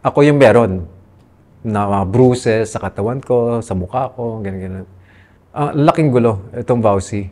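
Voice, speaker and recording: A man's voice: fairly low pitch, normal speed, warm tone. A man with a Filipino accent telling his own story in an interview, earnest and aggrieved, switching between Tagalog and English mid-sentence. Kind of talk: candid personal testimony.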